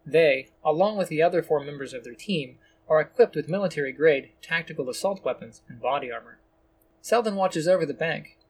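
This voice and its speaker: A man giving measured, descriptive scripted narration of a story. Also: on the high side, slight background noise.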